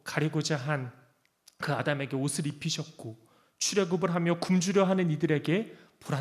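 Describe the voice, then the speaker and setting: A man preaching with great feeling, his voice sitting high and swinging widely as he acts out pleas and answers. He talks like a pastor who is speaking straight to his people. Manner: impassioned preaching, acting out pleas and God's replies. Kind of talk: sermon.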